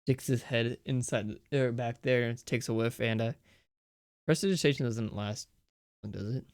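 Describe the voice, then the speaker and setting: A man's voice: mid-range voice, no room sound. Dry-miked man running the game. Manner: casual, laughing, halting with fillers. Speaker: game master.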